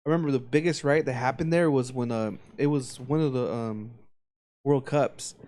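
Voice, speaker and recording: A man in his thirties co-hosts a casual podcast, spinning rambling, profane stories in what amounts to drunken chat. His voice is medium in pitch and darkish, at a normal speed.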